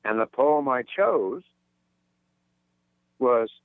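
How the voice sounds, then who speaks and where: A man's voice: medium pitch, expressive, drawn-out words, no echo. Cheerful guy over the phone, tinny line, dry sound. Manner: cheerful, chatty. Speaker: caller and poet. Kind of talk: cheerful chat and poetry reading.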